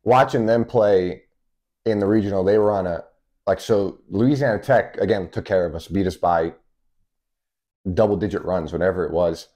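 Young man with a dark, low voice. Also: normal speed. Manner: direct, storytelling, many fillers. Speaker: guest, baseball coach. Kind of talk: casual interview. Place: small indoor studio room.

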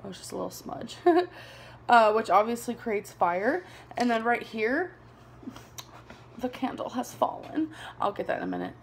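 Twenties woman rambling at a desk cam, bit of gravel in her voice, laughs a lot. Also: a little high, expressive, normal speed, pauses often, slight background noise. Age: 20s. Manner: chatty, rambling, laughs often. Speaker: vlogger. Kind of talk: casual chat to camera. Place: small bedroom indoors. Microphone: camera on a desk below her.

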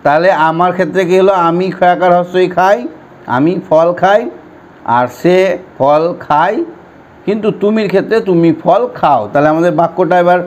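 A primary school teacher speaking slowly and patiently, drilling words and sentences for young children in an online lesson. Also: male voice, high-pitched, steady tone. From West Bengal, India.

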